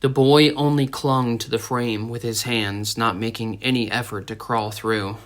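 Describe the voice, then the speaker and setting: A man with a mid-range voice narrates a dramatic story as an audiobook reader. His scripted delivery is unhurried and steady, in a storytelling manner.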